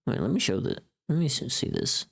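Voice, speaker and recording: A livestreamer and voice actor chats casually while working, rambling, muttering to themself, and humming. The voice is medium-pitched with huge pitch swings, a little fast, gravelly and slightly rough.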